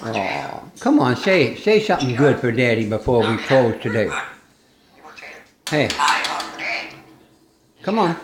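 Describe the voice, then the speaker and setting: A man's voice: mid-range voice, big pitch swings, takes it slowly, long pauses, very noisy. A man coaxing his pet parrots to talk at home, in a doting, teasing, sing-song way. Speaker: parrot owner. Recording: echoey room recording.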